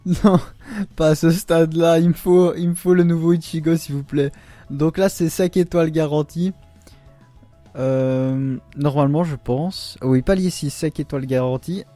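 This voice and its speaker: A man with a slightly high voice gives casual, excitable commentary on a video game. He talks straight to his viewers, groaning and pleading out loud whenever the luck turns against him. Faint game music plays underneath. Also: moderate pace. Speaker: gaming YouTuber.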